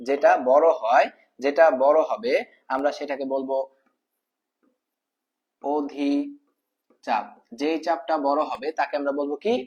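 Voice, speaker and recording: This math tutor speaks at a medium pitch and a measured pace, pausing often, his voice a little mellow and the audio dull. Explaining a math lesson casually, he repeats each term, quizzes the viewer and addresses them as brother.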